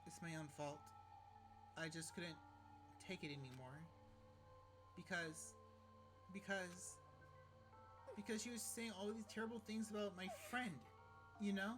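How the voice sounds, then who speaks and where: Soft-spoken upset teen girl read by a man, apologetic, lower and quieter, game music behind. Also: a little slow, long pauses. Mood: subdued.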